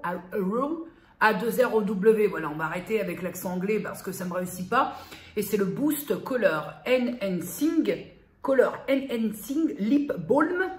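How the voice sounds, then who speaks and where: Chatty woman vlogger in a roomy space. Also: mid-range voice. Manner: chatty, self-mocking, addresses viewer familiarly. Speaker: beauty vlogger. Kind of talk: casual chat to the viewer. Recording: roomy echo, faint background noise.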